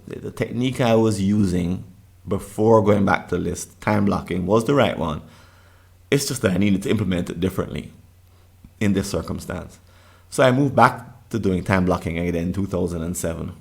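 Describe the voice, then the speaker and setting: Speaking with a deep voice and vocal fry, a middle-aged Jamaican man presents a summit session in an earnest manner. He frequently starts phrases over and repeats words.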